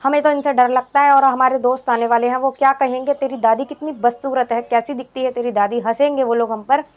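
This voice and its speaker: A woman's voice: sits high, fairly even intonation, fairly quick, natural voice. A woman voicing complaining teenage children who urgently plead with their mother.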